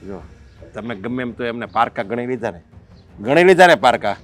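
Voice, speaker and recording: A man's voice: medium pitch, lively intonation, normal speed, close to an everyday voice. A man playing a reassuring family man. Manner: reassuring, lecturing. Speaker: head of household. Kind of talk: rural family stage drama.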